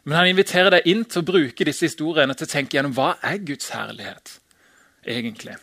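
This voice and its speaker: A man's voice: fairly high pitch, no echo, studio quality. A man giving an informal, chatty sermon, laughing now and then and acting out the quotes he reads. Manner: casual, chatty, laughs often, acts out shouted quotes. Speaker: preacher.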